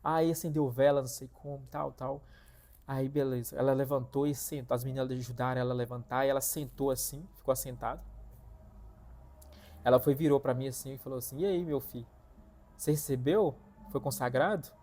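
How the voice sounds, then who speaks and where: A man telling a personal story to his viewers in an animated, repetitive way, often calling out to them directly. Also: medium pitch, brisk. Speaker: vlogger telling a personal testimony. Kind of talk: casual spoken storytelling.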